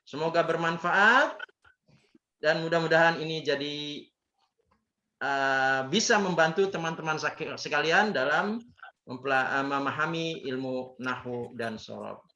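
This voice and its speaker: In this echoey, lo-fi clip with a little noise, a man's somewhat high, bright, pushed voice moves a bit slowly. He's an Islamic teacher running an Arabic grammar drill, having students repeat words and answer his questions.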